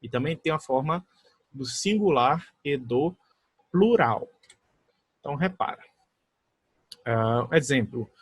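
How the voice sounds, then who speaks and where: A man's voice: mid-range voice, husky, no echo. Patient man teaching a recorded English class. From Brazil. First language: Portuguese. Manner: patient and explanatory, with frequent checks like "tá?" and "tá bom?"; reads English example sentences slowly and deliberately.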